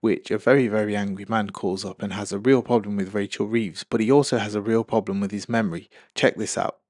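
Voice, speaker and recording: A man's voice: fairly low pitch, steady tone, brisk, a little mellow, no echo, studio quality. A man giving opinionated political commentary in an emphatic, exasperated way.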